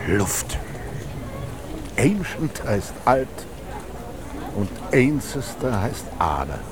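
With a crowd audible behind him, an actor narrates the pensive inner thoughts of a lonely young scribe drifting through rain-soaked Munich in a radio drama, his delivery dry and literary. His medium-pitched voice is very animated yet very slow.

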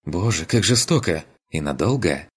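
A man's voice: extremely low pitch, a little slow. A man voicing a playful, bold young noblewoman in an audiobook, with a teasing, coquettish manner.

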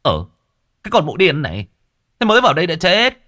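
A man's voice: fairly high pitch, huge pitch swings, a little fast, sharp tone, pitched above the performer's own voice, exaggerated voice. A man voicing a rude, brusque fortune-teller who snaps at a visitor, in a spoken story. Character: limping brash male fortune-teller, rude.

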